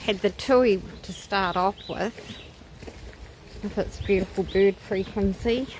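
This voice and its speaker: A woman's voice: mid-range voice, takes it slowly, a little mellow, rough recording. A woman giving casual, musing live commentary on a nature walk, with exclamations of wonder. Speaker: vlogger leading a nature walk. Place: outdoors on a wooded walking trail. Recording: outdoor ambient noise, birdsong. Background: nature ambience with birds.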